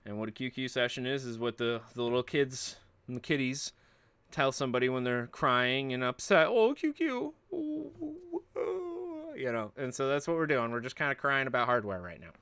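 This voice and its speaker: A man's voice: medium pitch, a little fast, bright, forceful tone, smooth. A man hosting a livestream, chatting casually in rambling, joking rants. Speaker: livestream host.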